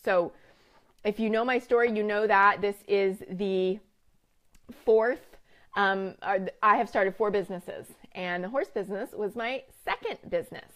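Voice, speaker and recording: A woman's voice: mid-range voice, a little slow, fairly bright tone. Chatty woman live-streaming from home. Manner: chatty, many fillers and restarts, talks to live viewers. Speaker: business coach and host. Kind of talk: casual live-stream talk. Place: home room with window blinds. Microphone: webcam or phone live-stream.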